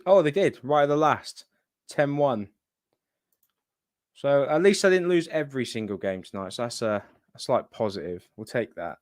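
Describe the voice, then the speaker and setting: Man, casual livestream host, thinking aloud, muttered asides, medium pitch, dry close sound. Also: no echo. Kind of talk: casual live gaming stream chat.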